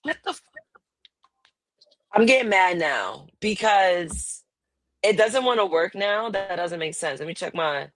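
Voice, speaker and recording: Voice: mid-range voice, animated, unhurried, pauses often, no room sound. Casual host, voice chopped by noise cancellation. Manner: laid-back, rambling, loud exclamations. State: sleepy, just out of bed. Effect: voice clipped by earbud noise cancellation. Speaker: podcast host. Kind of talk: casual chat. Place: home, at a computer. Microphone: wireless earbuds.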